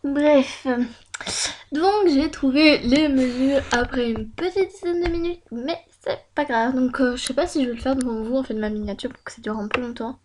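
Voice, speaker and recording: A woman's voice: high voice, moderate pace, darkish tone, a little hiss or hum. A woman YouTuber chatting casually over a screen recording at home, rambling with many fillers and self-mocking asides. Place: at home at her computer.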